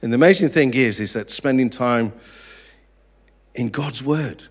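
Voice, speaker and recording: Earnest preacher in his thirties. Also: medium pitch. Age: 30s. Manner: earnest, drawn-out emphasis on key words. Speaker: pastor. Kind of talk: sermon.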